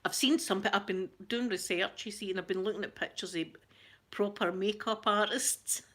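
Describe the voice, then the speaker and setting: A woman's voice: medium pitch, fairly even intonation, normal speed. A woman with a broad Glaswegian Scottish accent hosts a casual live stream, reading out viewers' names and answering them. She chats in a rambling, friendly way, often stopping to restart a sentence. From Scotland. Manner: chatty, warm greetings to viewers, frequent laughs and self-interruptions. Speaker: ASMR channel host reading live chat.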